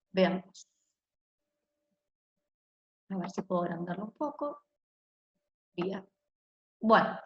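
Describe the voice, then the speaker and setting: A female English teacher explains things in Spanish during a recorded online class, tagging most lines with "ok?". Her voice is mid-range and a bit bright, and the echoey room gives dull, lo-fi sound with faint hiss.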